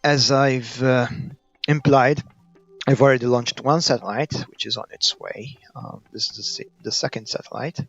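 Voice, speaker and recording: A man's voice: steady tone, normal speed, vocal fry, fairly bright tone, no echo, faint music behind. A man with a Maltese accent giving unscripted gameplay commentary, hesitant and thinking aloud as he goes. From Malta. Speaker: gaming video creator. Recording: muffled, dull low-fidelity audio.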